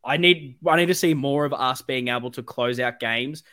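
A man's voice: mid-range voice, normal speed, bright, forceful tone. A man with a broad Australian accent hosting a football fan podcast, talking in an emphatic, rambling, sweary and passionate way. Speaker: podcast host.

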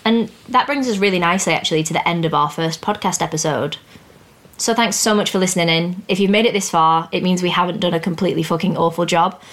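A woman's voice: lowish voice, quick pace, a bit bright. A young woman hosting a podcast and explaining finance exam topics in a plain, chatty, upbeat way. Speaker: podcast host teaching finance exams. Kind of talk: casual educational podcast.

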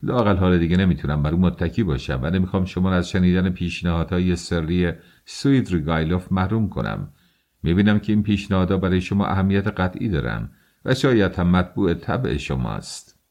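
A man's voice: sits low, expressive, a little mellow. A man voicing a proud young woman who speaks curtly and firmly, in an audiobook. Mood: angry.

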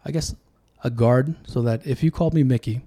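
On a relaxed podcast, a political candidate from Sacramento, California, whose first language was Tongan, shares reflective stories as a guest. His middle-pitched voice is dark, mellow and husky, and he talks fairly quickly in an easygoing manner.

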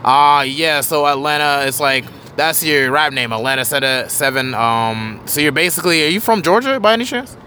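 A man's voice: fairly high pitch, normal speed, few pauses, sharp tone, a little hiss or hum. A man hosting a podcast, chatting in a loose, rambling way with casual swearing. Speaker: podcast host. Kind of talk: casual interview chat.

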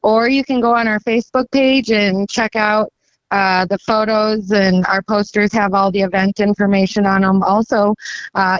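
A woman's voice: medium pitch, no echo. Upbeat lady promoting her race track, kinda muffled dull sound, dry. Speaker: guest, racetrack owner. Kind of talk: casual interview.

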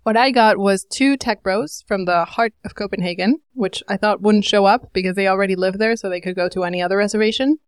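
A woman's voice: medium pitch, brisk, hardly any pauses, clean tone, no room sound, clean studio sound. A woman, a podcast correspondent, telling a wry story in a chatty way.

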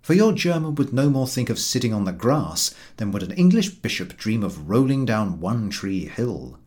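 This audiobook reader has a voice on the low side. He narrates a humorous book with expressive, measured storytelling.

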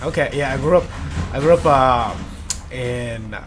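A man in his twenties from the Philippines, hosting a casual chat, relaxed and laughing, with lots of fillers. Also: mid-range voice, a little slow, over music. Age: 20s. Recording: noticeable background noise.

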